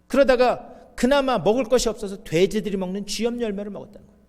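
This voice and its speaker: A man with a high voice preaches to his congregation, turning his sermon into a story and acting out the lines he quotes. His voice rings with the long reverb of a church hall. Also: quick pace, darkish tone. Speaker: pastor. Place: church sanctuary.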